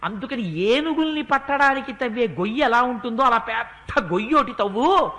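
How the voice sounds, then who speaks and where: A man voicing a calm prince who gives steady orders to his brother during a religious discourse. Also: extremely high pitch, normal speed, full character voice. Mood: calm command.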